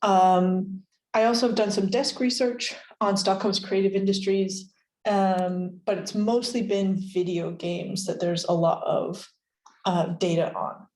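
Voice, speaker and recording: In a roomy-sounding university seminar room, a woman from the United States gives an academic talk in a medium-pitched, slightly mellow voice, a little slow and fairly even in intonation. Her manner is friendly and chatty, marked by frequent fillers and gentle laughs.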